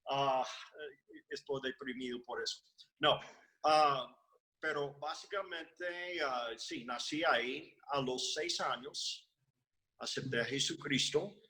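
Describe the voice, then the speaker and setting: A man from the United States, a missionary pastor, answering interview questions hesitantly with drawn-out fillers and self-deprecating humor. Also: medium pitch, sharp tone, low-quality recording.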